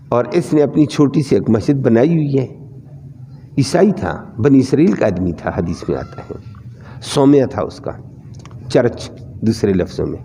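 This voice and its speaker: A man's voice: a little high, big-room sound. A male Islamic scholar giving a Quran commentary sermon, telling a story with vivid, repetitive lists. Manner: animated storytelling with repeated lists.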